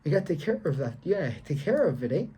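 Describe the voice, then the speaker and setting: A young man vlogs casually about his faith, talking rapid-fire in a slightly high, sing-song voice with a dark, somewhat rough tone. He uses slang and heavy emphasis, repeats himself, and lectures the viewer in this monologue.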